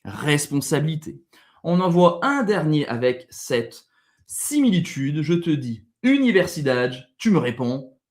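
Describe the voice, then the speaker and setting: Male language teacher, casual video lesson, animated delivery with a voice a bit higher than most men's. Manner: animated, quizzes the viewer and models Portuguese words slowly.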